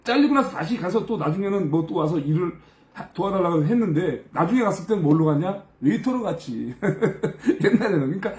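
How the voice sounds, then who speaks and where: A man casually telling a story from his own life, in a blunt, colloquial way with swearing and constant quick prompts to the listener. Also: high voice, animated, darkish tone, roomy sound. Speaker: live stream speaker giving a life testimony.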